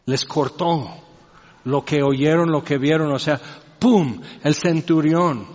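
A man's voice: a little high, slow, a little mellow. A man preaching a sermon in a conversational way, asking rhetorical questions and making joking asides. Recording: reverberant hall, dull lo-fi sound.

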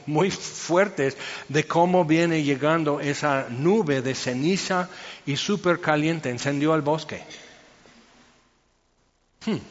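A man's voice: a little high, in a large hall, muffled recording. A man giving informal Bible teaching, chatty and storytelling, full of fillers.

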